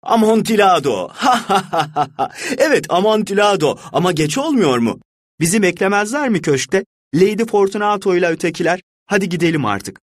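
A man's voice: high-pitched, big pitch swings, a little fast, dry recording, clean studio sound, pitched above the performer's own voice. A man voicing a trapped man who laughs frantically and pleads to be let out, in a dramatic story reading. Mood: hysterical.

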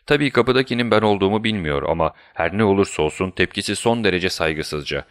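A man voicing an anxious, fussy older male college tutor who pleads and frets, speaking a little above his own low voice. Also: lively intonation, fast talker, no room sound. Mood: agitated. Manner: flustered, pleading.

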